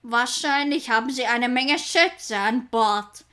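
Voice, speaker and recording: A woman's voice: on the high side, slow, pushed and bright, smooth. A woman voicing a cruel, sly male pirate chief who talks grimly. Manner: grim, gloating.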